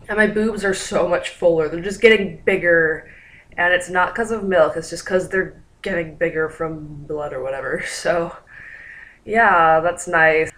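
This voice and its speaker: A woman's voice: lowish voice, a bit bright, rough recording. A young woman giving a casual pregnancy update to her camera, chatty and full of "like" fillers. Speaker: pregnancy vlogger.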